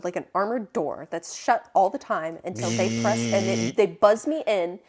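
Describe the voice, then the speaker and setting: A woman's voice: mid-range voice, normal speed, darkish tone. A woman co-hosting a podcast, chatting casually and teasing her co-host, laughing often. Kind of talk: casual chat.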